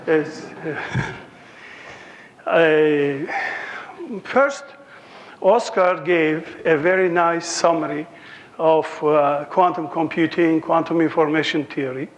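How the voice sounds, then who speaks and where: High-voiced Turkish-accented man in his sixties. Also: fairly even intonation, takes it slowly, pauses often, muffled recording. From Turkey. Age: 60s. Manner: joking, anecdotal storytelling. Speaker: professor giving a lecture. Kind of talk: conference lecture.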